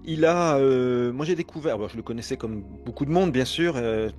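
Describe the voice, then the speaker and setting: A man's voice: medium pitch, moderate pace, faint music behind. A man hosting a casual interview, asking questions with hesitations and frequent restarts. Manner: warmly curious, hesitant with many "euh" and restarts. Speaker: interviewer, host.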